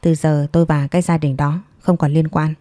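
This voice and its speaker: Give me a composed young mother in an audiobook story, read by a woman. She speaks calmly and firmly, weighing each word. Her voice is low and mellow, and the recording is dry. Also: no echo, lightly acted. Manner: calm, measured, clipped.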